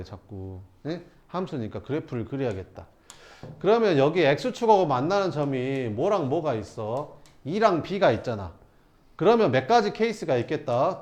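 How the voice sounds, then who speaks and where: A man's voice: fairly high pitch, darkish tone. A man teaching math to students, asking rhetorical questions and answering them himself. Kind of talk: lecturing students through problems.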